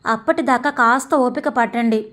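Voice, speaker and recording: A young man caught between wife and parents, pleading and apologetic, as a woman reader puts him on. The voice stays fairly high and gentle. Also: normal speed, close to an everyday voice.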